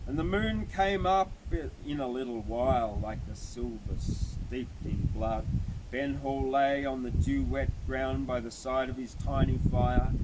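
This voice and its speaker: Reading a bush ballad outdoors at a cave, this man performs in a measured, theatrical style with emphatic lines. The audio is rough: very noisy, clicking, and under a vehicle-like rumble.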